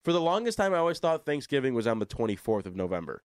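A man's voice: mid-range voice, big pitch swings, very fast, dry recording, studio quality. A young American man with a stuffy, plugged-nose voice hosting a casual sports talk radio show, chatty and self-deprecating. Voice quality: congested, stuffy-nosed, sounds like plugged nose. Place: radio studio. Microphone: desk studio microphone.

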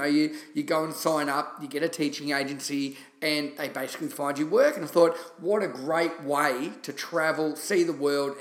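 Australian man hosting in an echoey room. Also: on the high side. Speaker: podcast host. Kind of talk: casual solo podcast storytelling. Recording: roomy, echoey sound.

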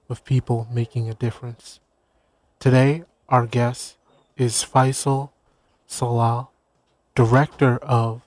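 A man's voice: mid-range voice, dry recording. A man hosting a community radio interview show, who often stumbles and affirms his guest with short interjections. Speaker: radio host.

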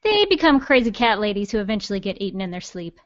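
A woman's voice: medium pitch, very animated, fast, lo-fi sound, natural voice. A woman voicing a snarky female smartphone assistant with a nasal voice and plenty of attitude, in an audio drama. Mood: chirpy.

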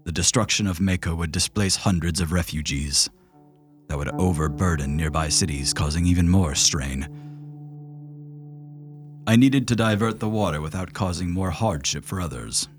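A man as game master voicing a remorseful male leader, heard as a distant memory voice that draws closer, slow, grave and reflective. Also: low voice, soft background music. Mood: somber. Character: remorseful male leader recalling a past decision. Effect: distant memory voice drawing closer.

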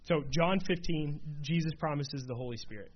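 A man leads a small-group Bible study in casual, conversational teaching, full of fillers and frequent "right?" checks with his listeners. His voice is fairly high-pitched at a normal speed. The room recording sounds dull and lo-fi, with faint noise.

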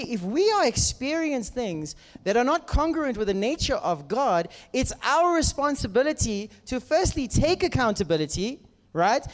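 Animated South African male preacher in a hall. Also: extremely high pitch. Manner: rhetorical questions and call-outs to listeners; acts out imagined dialogue. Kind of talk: animated conversational sermon. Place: large echoing room with live listeners. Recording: reverberant hall sound.

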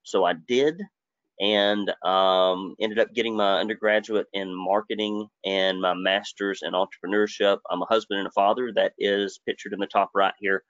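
A man's voice: on the low side, little pitch movement, moderate pace, a bit bright, no room sound. A man, giving a live webinar presentation in a folksy, joking, conversational way. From Alabama, US. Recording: dry, dull lo-fi webinar audio.

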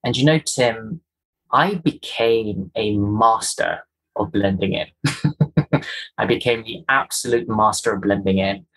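Fairly low in pitch and slow, his voice is a bit bright yet slightly rough, and the audio is poor. As a Kenyan guest with a faint, polished accent, he reflects on his own experience in an interview, earnest and emphatic, repeating his key phrases.

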